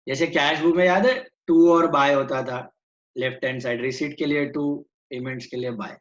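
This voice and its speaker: A man's voice: mid-range voice, steady tone, normal speed, lo-fi sound. A man teaching an online accounts class, switching between Hindi and English and quizzing his students.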